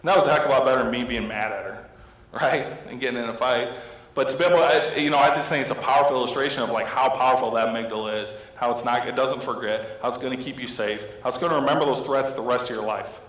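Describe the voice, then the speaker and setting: Counselor, 30s man, mid-pitched, speaking to an audience in a reverberant hall. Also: quick pace, a bit bright. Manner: storytelling, asks the audience questions. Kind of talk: talk to an audience of teachers. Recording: echoey hall with long reverb.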